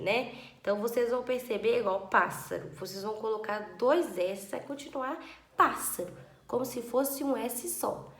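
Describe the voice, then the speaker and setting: A woman teaching young children a spelling lesson, patient and drawn-out, stretching words syllable by syllable. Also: mid-range voice, roomy sound.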